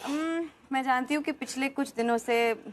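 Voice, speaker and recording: An actress playing a poised, teasing modern housewife who talks crisply and drops English phrases into her speech. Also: high voice, normal speed, a little hiss or hum, natural voice. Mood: brisk. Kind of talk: sitcom acting.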